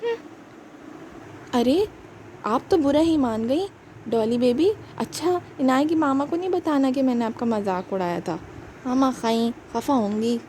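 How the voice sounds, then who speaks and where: A woman's voice: expressive, unhurried, dark tone, slight background noise. A woman voicing a drowsy, teasing older sister doll in a children's puppet show. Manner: drowsy, mocking, lower-voiced.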